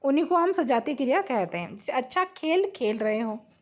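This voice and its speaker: A woman with a high voice gives a blackboard grammar lesson. She explains each rule patiently and repeats her example sentences. She keeps checking that her students are following. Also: lively intonation, a little fast. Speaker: Hindi grammar teacher.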